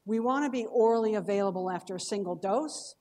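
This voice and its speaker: A woman's voice: mid-range voice, fast, a little mellow. A woman giving a scientific lecture as a cancer researcher, explaining in a conversational way and checking in with her audience. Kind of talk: academic lecture.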